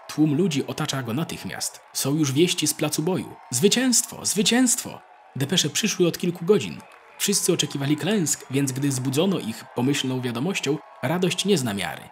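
A man reading a classic story aloud as a narrator, in a measured, expressive storytelling manner. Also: mid-range voice. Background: faint music.

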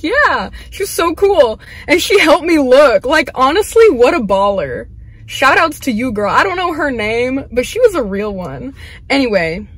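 A young woman vlogging casually, chatty and gushing, with many fillers. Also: fairly high pitch. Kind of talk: casual unboxing vlog.

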